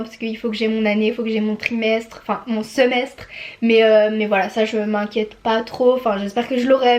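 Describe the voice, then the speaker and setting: A woman's voice: on the high side, darkish tone. An eighteen-year-old woman chatting casually in a vlog, with many fillers and restarts. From France. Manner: reads English quotes with a French accent. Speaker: YouTuber. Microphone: phone camera.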